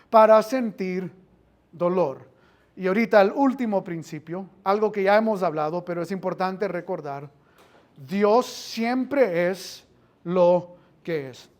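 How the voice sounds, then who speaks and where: Slow, questioning Bible class teacher. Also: mid-range voice, a little mellow. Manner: quizzes the listeners with questions and repeats phrases; mixes in English filler words.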